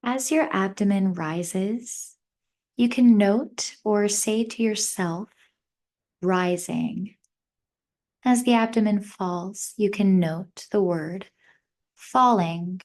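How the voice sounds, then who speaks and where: A female meditation teacher with a mid-range voice leads listeners gently at a very slow pace. She keeps her instructions short and measured, separating each phrase with a long pause.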